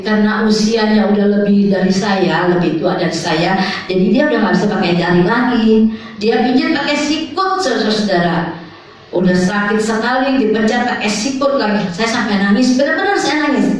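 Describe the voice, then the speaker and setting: An older woman pastor tells a testimony during a sermon at medium pitch and normal speed, often turning to speak directly to the congregation. The hall is very echoey and the mic is far away.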